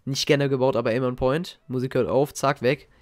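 A young man giving casual, slangy reaction commentary as a gaming YouTuber, excitable and reminiscing. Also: mid-range voice, a little fast. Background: faint game music.

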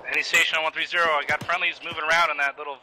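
A man's voice: fairly high pitch, flat delivery, racing, sharp tone, faint music behind, rough recording. A man in a military game giving terse radio updates as an operator, in clipped procedural phrases.

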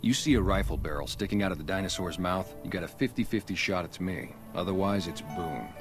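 An actor playing a blunt, guarded ex-gang sniper who now works as a town guard, in a video game. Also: male voice, low-pitched, a little fast, lightly acted. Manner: blunt, matter-of-fact. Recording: game audio with music behind.

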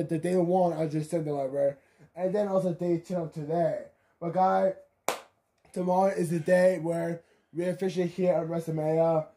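A man's voice: high-pitched, dark tone. A man hosting a watch-along stream, chatting casually and rambling with many restarts. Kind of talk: casual reaction chat.

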